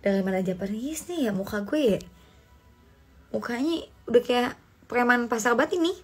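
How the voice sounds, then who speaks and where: A young woman from Indonesia hosting a casual phone livestream, chatting and reading out comments in a lively, slangy way with bits of English. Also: a little high, moderate pace, breathy edge, faint music behind. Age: young adult.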